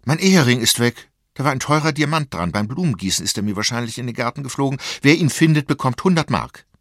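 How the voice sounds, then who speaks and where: A man voicing a tired, no-nonsense mother who is a doctor, firm and hushed. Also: mid-range voice, brisk, husky, no echo, clean studio sound. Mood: agitated.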